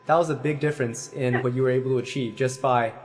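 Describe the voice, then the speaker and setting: A man's voice: medium pitch, fairly even intonation, quick pace. A man giving a singing lesson as voice teacher, patiently explaining and singing vowels to show them.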